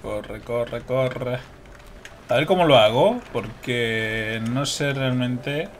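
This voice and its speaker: A man's voice: medium pitch, slow pace, slight background noise. A young man with a Spain Spanish accent commenting casually on his gameplay, swearing, laughing and talking to his viewers. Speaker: gameplay streamer.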